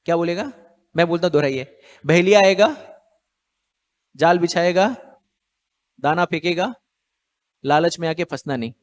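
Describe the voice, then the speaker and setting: A man's voice: fairly high pitch, moderate pace, pauses often. A man giving a scripture lecture as a preacher, telling a story and repeating lines for the listeners to say back. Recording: long hall reverb.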